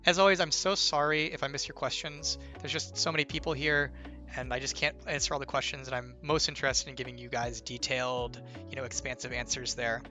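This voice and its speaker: A young man who designs games answers viewers' questions on a casual livestream, his explanations wandering and peppered with "like" and "right?", plus some playful teasing. He has a medium pitch and level delivery, brisk, bright and forceful, his voice slightly strained by illness over soft music.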